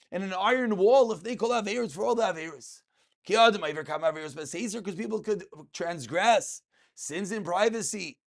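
High-pitched man teaching religious text. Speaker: rabbi teaching a daily class. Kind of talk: religious text lesson, reading and translating. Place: small furnished room indoors.

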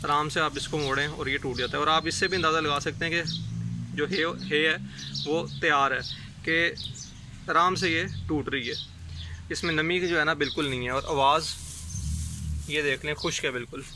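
A man's voice: on the high side, steady tone, normal speed, long pauses. A man explains, step by step and with many fillers, how he makes hay for his goats. He is outdoors on a rooftop, speaking to a phone camera he holds. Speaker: rooftop goat farming vlogger. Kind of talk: casual explanatory vlog. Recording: outdoor recording with clear background noise.

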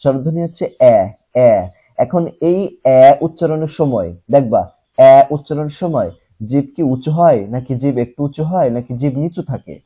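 Step by step, a young male teacher takes his class through a lesson, his very dark, mellow voice husky and a little high. He slowly repeats single sounds to model pronunciation, and answers the questions he asks his students himself.

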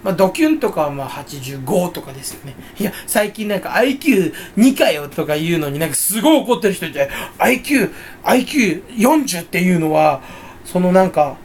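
A man's voice: high voice, lively intonation, fast talker, slight background noise. A man talking to himself in a casual, rambling solo monologue, joking and mocking himself. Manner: self-mocking, jokey, rambling. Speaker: channel host.

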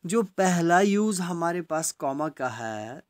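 A man teaching a grammar lesson for exam students, mixing English phrases into his talk and often checking with "right?". He slows right down to read out example sentences. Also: fairly high pitch, lively intonation, darkish tone.

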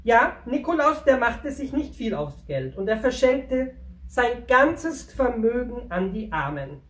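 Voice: medium pitch, big pitch swings, unhurried. Friendly male pack donkey, played by a performer as a kids' storyteller; chatty, talks straight to the children; roomy, distant recording. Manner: chatty, addresses the children directly. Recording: roomy, from away from the mic.

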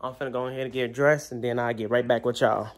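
A man's voice: medium pitch, steady tone, quick pace. A young man chatting casually to camera in a family vlog, slangy, laid-back and teasing. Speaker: family vlogger.

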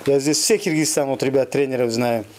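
A man from Kyrgyzstan, co-hosting a casual interview with a rapid, repetitive, broken way of phrasing things. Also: medium pitch, steady tone, slight background noise. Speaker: co-host judging fighters.

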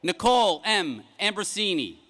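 Male ceremony announcer, bright, fairly high voice, formal measured name-reading over an outdoor PA. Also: big pitch swings. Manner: measured, announcing each name with a rising then falling cadence. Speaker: commencement name reader. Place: large outdoor graduation ceremony.

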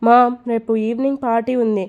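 A woman's voice: on the high side, level tone, brisk, dull audio, lightly acted. A woman reading a cold domineering young husband. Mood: stern. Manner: curt, commanding.

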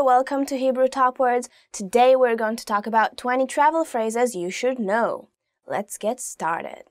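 A woman with a slightly high voice teaching a language lesson to camera. She reads each phrase, then adds loose, chatty asides, recorded close and dry. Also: no echo. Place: indoor studio, plain backdrop.

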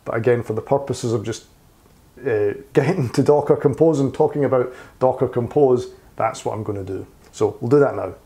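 A man teaching a coding tutorial who thinks aloud as he types, with fillers and quick self-corrections, and sounds a little hoarse. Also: mid-range voice, dark tone. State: slightly hoarse, losing his voice. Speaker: programming tutor. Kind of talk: screen-recorded coding tutorial. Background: keyboard typing and clicks.

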